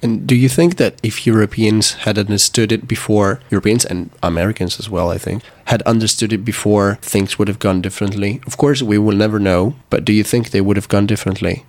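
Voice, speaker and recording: A man's voice: on the low side, steady tone, a little fast, few pauses, darkish tone, dry recording. A man hosting a student podcast, asking attentive, prompting questions. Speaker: podcast host.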